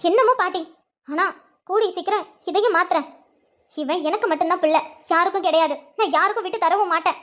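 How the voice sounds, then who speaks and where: A woman voicing a stubborn, resentful young mother in an animated cartoon, talking firmly and curtly. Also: very high voice, fast, slight background noise. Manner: firm, curt, bitter.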